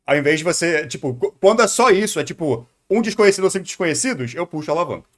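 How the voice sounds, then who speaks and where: A man with a Brazilian Portuguese accent and a fairly high, lively voice talks rapid-fire while reacting to a video on a live stream. His commentary is casual, with hesitations and repeated words as he thinks aloud.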